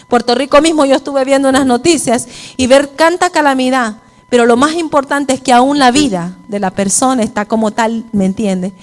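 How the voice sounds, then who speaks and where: At a women's church service, a woman with a high-sitting voice preaches a sermon, weaving personal testimony into her preaching. She keeps checking whether her listeners follow, repeating "¿me entiende?" to them.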